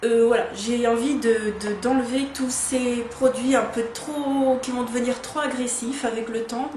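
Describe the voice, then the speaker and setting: A woman's voice: fairly high pitch, darkish tone. A woman turning thirty, reviewing skincare products in a frank, chatty way full of fillers and restarts. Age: 30s. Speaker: beauty vlogger. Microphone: camera mic. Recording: echoey room with faint ambient noise.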